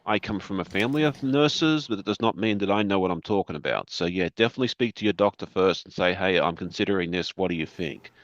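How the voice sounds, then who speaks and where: A man's voice: low-pitched, quick pace, few pauses, lo-fi sound. A middle-aged man chatting as a guest on a livestream, rambling and self-deprecating in an easygoing way. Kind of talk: casual livestream chat.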